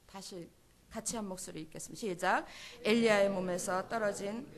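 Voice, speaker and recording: A woman's voice: medium pitch, fairly quick, a crowd in the background. A woman preaching a sermon at a church service, emphatic and full of rhetorical questions. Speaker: pastor's wife preaching.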